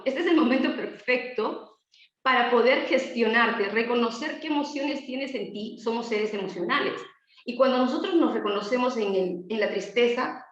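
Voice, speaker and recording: A woman's voice: on the high side, very echoey, dull audio. A woman panelist giving a talk on emotions and mental health, coaching listeners through rhetorical questions.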